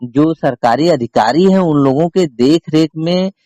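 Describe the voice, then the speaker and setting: Dark in tone and on the high side, this man's voice comes through a dry recording at a measured pace. As a reporter on a recorded phone call, he keeps pressing and repeating his questions with insistent emphasis.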